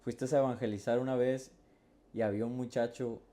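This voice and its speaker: A man's voice: mid-range voice, steady tone, brisk, warm tone. A male podcast host interviewing a pastor, attentive and prompting with short remarks. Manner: attentive, brief affirmations. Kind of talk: interviewing a guest.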